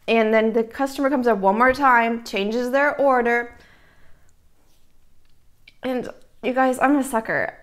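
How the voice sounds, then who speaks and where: Woman chatting casually while chewing. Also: fairly high pitch. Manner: chewing while talking, savoring hums between phrases. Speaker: mukbang host. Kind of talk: casual eating-show storytelling chat.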